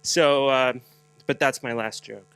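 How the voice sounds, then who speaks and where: Guy from jersey telling a slow story, lots of ums, bright clear voice, dry sound. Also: medium pitch, fairly even intonation, dry recording, faint music behind, poor audio. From New Jersey. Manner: halting with many fillers, light humor, builds to rhetorical questions. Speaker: speaker leading a spiritual moment. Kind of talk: storytelling talk at a conference. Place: conference hall.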